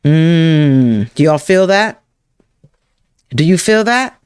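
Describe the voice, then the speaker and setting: Slow, emphatic self-help workshop leader. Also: mid-range voice, animated, darkish tone, smooth, no room sound, clean studio sound. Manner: slow, emphatic, repeats affirmations and guides breathing; speaks directly to viewers by name. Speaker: emotional wellness workshop leader. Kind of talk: live-streamed self-help session.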